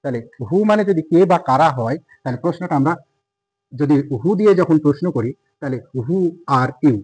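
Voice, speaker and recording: Patient male teacher, dry and husky. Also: fairly high pitch, expressive, a little mellow, no room sound, low-quality recording. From India. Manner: patient, repeats words slowly and counts aloud. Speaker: English teacher. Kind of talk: classroom lesson explaining pronunciation.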